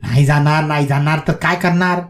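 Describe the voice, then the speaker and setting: A man's voice: medium pitch, a little slow, a little mellow, faint music behind, natural voice. A man playing a shrewd village man who bargains with and orders around a ghost. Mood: coaxing. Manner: coaxing, then commanding and wry.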